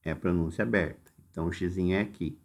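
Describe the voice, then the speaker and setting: A man with a Brazilian Portuguese accent teaching a recorded lesson, explaining exercises slowly and step by step, directly addressing his students. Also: sits low, fairly even intonation. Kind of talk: recorded lesson walking through workbook exercises.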